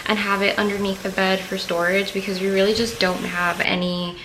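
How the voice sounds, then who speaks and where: A woman's voice: medium pitch, level tone, fairly quick, fairly bright tone, a little hiss or hum. A woman in her twenties from Colombia, talking casually and candidly to camera in a vlog at home. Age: 20s. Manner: chatty and candid, with frequent fillers. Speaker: vlogger. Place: home while packing to move.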